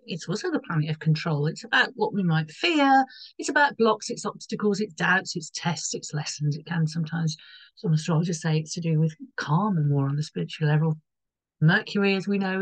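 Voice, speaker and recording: A woman with a croaky voice explaining an astrology chart, rambling a little and correcting herself as she goes. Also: on the low side, dry recording, rough recording. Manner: rambling, loses her thread and corrects herself.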